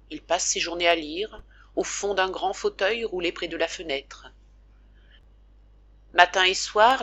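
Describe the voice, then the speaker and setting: A woman narrating a classic novel aloud for an audiobook in a measured, gentle storytelling manner. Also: fairly low pitch, slightly rough.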